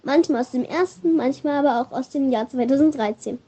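A woman's voice: high-pitched, brisk, mellow, husky. A woman voicing a playful, cheeky teenage schoolgirl in a storybook reading, mock-innocent.

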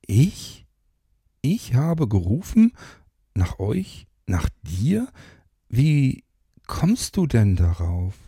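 A man's voice: mid-range voice, wildly swooping pitch, drawn-out words, pauses often, mellow, slightly rough, dry recording, clean studio sound, pitched above the performer's own voice, exaggerated voice. A man voicing a shy, easily flustered young woman, speaking in a raised, questioning way. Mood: puzzled.

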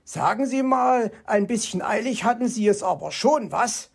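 A reader voicing a cheeky, jovial male fox who teases his friend, in a raised pitch for a storybook reading. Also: lively intonation, normal speed, gravelly, breathy edge. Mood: teasing. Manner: teasing, laughs at others.

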